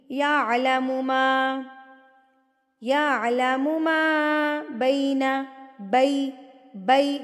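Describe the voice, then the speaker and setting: A woman teaching tajweed, patiently explaining each rule and reciting phrases slowly. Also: high voice, big-room sound. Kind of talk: tajweed lesson with slow recitation.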